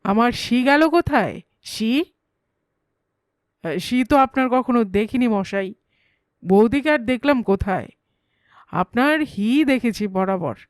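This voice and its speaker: A woman doing a cheeky young fellow in a comic audio story who rattles on and pokes fun, his voice pitched fairly high and sounding close and dry with no room around it. He chatters eagerly and jokes at every turn. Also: lively intonation, no room sound. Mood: teasing. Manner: teasing, chattering, quick to joke. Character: young male errand-runner, cheeky and giggling.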